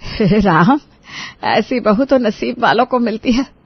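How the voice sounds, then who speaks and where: A woman voicing a proud, kindly middle-aged mother-in-law in a cartoon, speaking gently and admiringly. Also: fairly high pitch, expressive, slow pace, slightly rough, dry recording, highs cut off, heavily acted.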